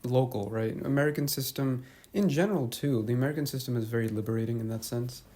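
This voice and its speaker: A man's voice: medium pitch, quick pace, mellow. A young man hosting a casual interview, easygoing and affirming as he talks. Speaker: host.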